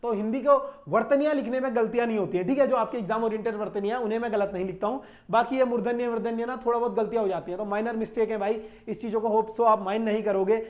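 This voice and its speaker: A man's voice: high voice, steady tone, very fast, few pauses, darkish tone. A man teaching an online exam-prep class, explaining step by step and answering his own questions, with constant "okay" and "brother" check-ins. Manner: repetitive, checks in with "ठीक है" and "भाई".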